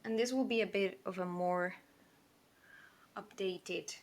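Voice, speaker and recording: This Portuguese artist, streaming herself drawing, keeps up a casual running chat in a mid-range voice. She talks quickly and rambles, saying "like" a lot and often fixing what she just said.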